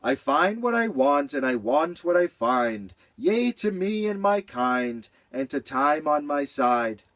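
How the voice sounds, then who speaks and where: A man's voice: fairly high pitch, animated, measured pace, pitched above the performer's own voice. A man doing a cheerful singsong storybook beaver. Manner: singsong and playful. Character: cheerful hardworking male beaver who loves to sing.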